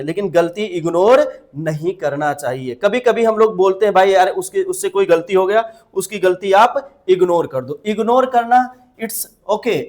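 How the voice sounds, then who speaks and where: A man teaching English phrases, explaining in Hindi, asking the listeners questions and repeating each English phrase slowly. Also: high-pitched. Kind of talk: spoken English lesson.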